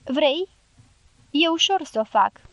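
Storybook role: a blunt, loyal guerrilla man, read by a woman, high voice, dry sound. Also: lively intonation, fairly bright tone, dry recording. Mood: blunt, sorrowful. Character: rough male guerrilla fighter, grieving and loyal.

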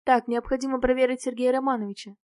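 A woman reading the lines of a calm adult male bodyguard in an audiobook, matter-of-fact and even. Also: sits high, fast, dry recording, clean studio sound, close to an everyday voice. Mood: businesslike.

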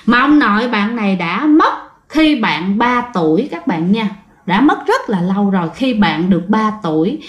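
A woman's voice: mid-range voice, highs cut off. Woman telling a ghost story, roomy. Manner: addresses listeners directly, vivid. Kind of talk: spoken ghost story narration.

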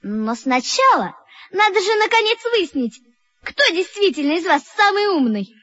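A man voicing a bold, cheerful little girl in an audio storybook, shrill and excited. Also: moderate pace, dull audio, exaggerated voice. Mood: eager.

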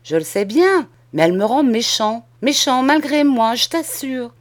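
A woman's voice: a little high, animated, a little slow, pitched above the performer's own voice. A woman doing a cheeky young boy. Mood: mischievous. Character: mischievous young boy, hot-headed but good-hearted.

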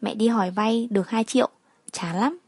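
A woman's voice: a little high, normal speed, a little mellow, breathy edge, no room sound. Woman voicing a worried mother. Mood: weary. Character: worried middle-aged mother in hospital.

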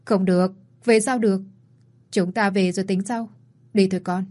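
A woman's voice: medium pitch, steady tone, moderate pace, darkish tone, natural voice. A kindly, worried old grandfather, read by a woman. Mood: pleading. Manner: pleading and scolding.

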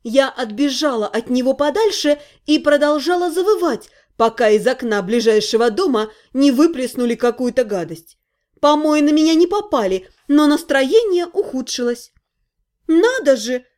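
A woman with a high voice narrates a first-person audiobook. She reads expressively and plays up the heroine's feelings. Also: normal speed. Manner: lively and expressive, playing up the heroine's emotions.

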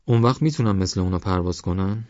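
A man's voice: sits low, darkish tone, no room sound, natural voice. A man voicing a shy, curious young man who asks questions. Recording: dull lo-fi audiobook with faint music.

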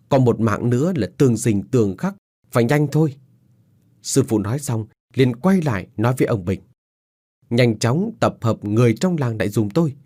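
A man narrating a ghost story, voicing the characters with dramatic shifts in loudness. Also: medium pitch.

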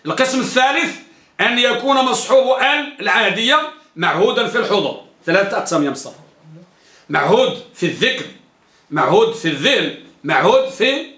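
High, bright male teacher quizzing a class. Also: reverberant. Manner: quizzes students, repeats key terms. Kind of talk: classroom grammar lesson. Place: classroom with students.

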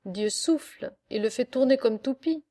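A man's voice: very high voice, moderate pace, mellow, pitched above the performer's own voice. A woman reading a proud old sailor. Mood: gentle. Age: older. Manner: storytelling, proud. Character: kindly old male sailor and singer. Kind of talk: audiobook character reading.

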